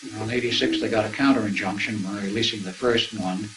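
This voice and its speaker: An older man with a fairly low voice tells his story in a loose, conversational way. He acts out what others said as he goes, over a faint hiss in the background. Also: fairly even intonation, a little fast, fairly bright tone, rough recording. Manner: rambling, conversational, acts out quoted dialogue. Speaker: speaker recounting personal experiences. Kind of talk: anecdotal storytelling.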